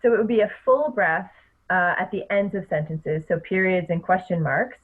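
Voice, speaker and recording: A woman's voice: lowish voice, moderate pace, slightly rough. Woman coach on a tinny line. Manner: animated, explanatory, laughs often. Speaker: public speaking coach, guest. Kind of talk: podcast interview.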